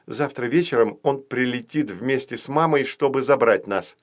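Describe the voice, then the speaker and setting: A man voicing a curious young girl in a children's audiobook, speaking in a hushed, wondering way. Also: medium pitch, moderate pace, natural voice.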